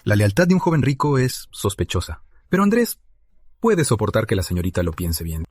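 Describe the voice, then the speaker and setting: A man's voice: lowish voice, huge pitch swings, a little fast, darkish tone, dry recording. An actor playing a man who earnestly and formally tries to persuade a young woman. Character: persuasive man pleading for a friend. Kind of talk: dubbed drama dialogue.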